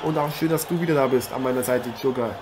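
In an improvised mock sports radio play, a man plays a chatty, joking boxing interviewer and commentator, rambling, hesitant and genial. His voice is medium-pitched, fast, fairly even in intonation, darkish and close to everyday speech, on a clearly noisy amateur recording.

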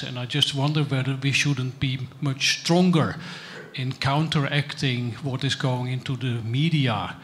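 A man's voice: mid-range voice, fairly bright tone, a little hiss or hum. A middle-aged man, asking an insistent question from a conference audience on a handheld mic. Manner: earnest, insistent. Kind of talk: question from the floor. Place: large conference hall.

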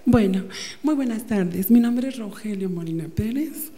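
A Mexican man in his twenties, from Mexico City, giving a comic audition, soft and giggly, holding a handheld mic in an indoor casting room. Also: high-pitched, expressive, measured pace. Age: 20s. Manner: soft, sweet and giggly, gushing about tenderness. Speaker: audition candidate.

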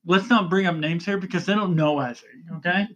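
A man co-hosting a casual podcast, a rambling storyteller who keeps yelling excitedly into the mic and checking in with "okay?". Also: high voice, a little fast, dull audio. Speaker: podcast co-host.

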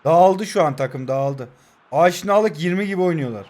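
A young man in his twenties narrates his own football match on his phone. His voice sits high, and he keeps egging his players on and mocking his rival. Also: lively intonation, moderate pace, darkish tone. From Turkey. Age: 20s. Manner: heated, urging players on, trash-talking the opponent. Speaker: mobile football gamer. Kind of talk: live gameplay commentary.

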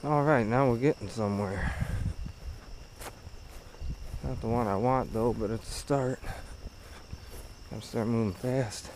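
In overgrown prairie with crickets and insects buzzing all around, a thirtysomething vlogger mutters brief, offhand comments to camera. His mid-range voice is a little mellow and moves at a normal speed, and the outdoor recording is noisy.

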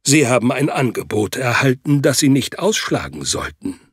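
A man doing a rash, brisk detective, low-voiced. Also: very animated, slightly rough, no room sound, clean studio sound. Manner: over-solemn, hasty.

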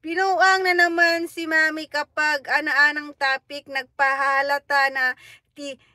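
A woman's voice: high-pitched, flat delivery, unhurried, sharp tone, no room sound, clean studio sound. A woman hosting a livestream, chatting casually, teasing viewers and giggling as she reads their comments aloud. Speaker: livestream host.

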